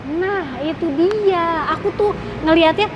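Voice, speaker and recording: A woman's voice: very high voice, unhurried, highs cut off, a loud crowd. An Indonesian woman hosting a chatty promotional interview, eagerly prompting and echoing her guest. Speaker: host interviewing a car salesman. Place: car showroom. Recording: noisy space with vehicle sounds.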